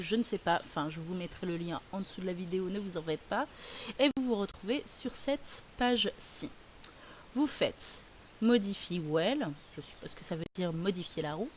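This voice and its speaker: A woman explaining a software tutorial as a teacher, chatty and hesitant with many fillers. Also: medium pitch. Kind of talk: screen-recorded tutorial. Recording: faint hiss.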